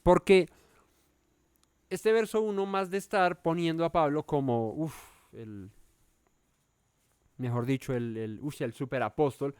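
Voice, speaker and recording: A man's voice: a little high, measured pace, long pauses, a little mellow, smooth, no room sound. A man teaching a verse-by-verse Bible study, thinking aloud with many fillers and self-corrections and often checking in with his listeners.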